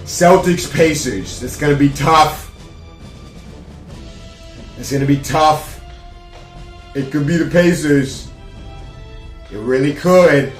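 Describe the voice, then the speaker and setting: A man's voice: fairly high pitch, slow pace, long pauses, reverberant, faint music behind. A man casually giving sports playoff predictions to camera, brash and rambling, with plenty of trash talk and fillers. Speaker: sports vlogger.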